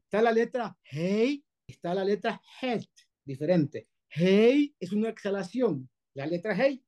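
With a high-sitting, darkish voice, a rabbi with a Colombian Spanish accent leads a spoken class on pronunciation. He stresses points emphatically, exaggerating and repeating sounds as demonstrations and checking his students understand.

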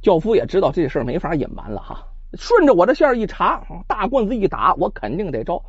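Animated male storyteller. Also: sits high, fast talker, slightly rough, dry recording, muffled recording. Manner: animated, chatty asides to listeners. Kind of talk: traditional Chinese storytelling.

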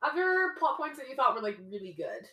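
A woman co-hosting a podcast in casual chat, animated and laughing often. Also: high-pitched, brisk, reverberant. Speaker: podcast co-host.

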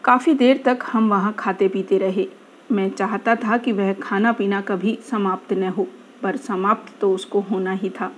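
Female storyteller, mid-pitched, measured literary reading, quiet stretches. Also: fairly even intonation, slight background noise. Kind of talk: reading a first-person story aloud.

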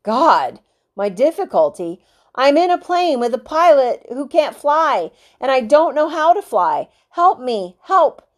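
A woman voicing a panicked teenage boy alone in a plane, crying and shouting desperate pleas for help. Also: fairly high pitch, lively intonation, unhurried. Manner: frantic, pleading shouts.

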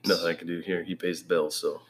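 A man's voice: low voice, flat delivery, quick pace, slight background noise. A man chatting casually with his wife, dry and teasing in a laid-back way. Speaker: husband, podcast guest. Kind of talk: casual couple chat.

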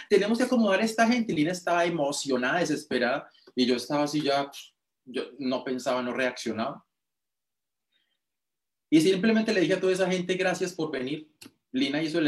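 Colombian male motivational speaker, a little high-pitched, emotional and repetitive storyteller. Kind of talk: personal testimony storytelling.

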